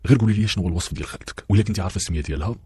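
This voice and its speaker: A man's voice: deep voice, racing, dark tone, breathy edge, dry recording. A man voicing a kindly older bread seller. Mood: reassuring. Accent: Moroccan. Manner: reassuring, helpful.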